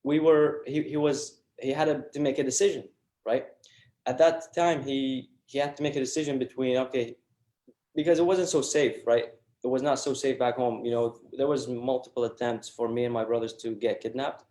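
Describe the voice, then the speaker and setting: A man's voice: medium pitch, fairly even intonation, moderate pace, dark tone. Earnest young man, roomy echo. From Iraq. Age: 20s. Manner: earnest, many fillers and restarts. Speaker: guest entrepreneur. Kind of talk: casual interview talk.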